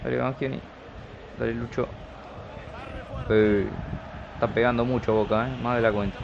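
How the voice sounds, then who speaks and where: A man with an Argentine accent and a gravelly edge commentates a football video game casually, rooting for his side in colloquial terms. The sound is dull and lo-fi, with clear noise behind him. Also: mid-range voice, steady tone, normal speed. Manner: colloquial, partisan cheering on players. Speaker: YouTube gamer commentating his own match. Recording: dull lo-fi audio with loud noise.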